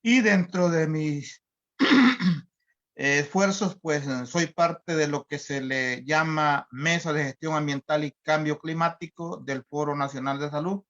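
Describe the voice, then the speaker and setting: Man from El Salvador, fairly high voice, measured, hesitant, lo-fi audio. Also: a bit bright. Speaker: guest, environmental organizer. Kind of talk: online interview. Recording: dull lo-fi audio.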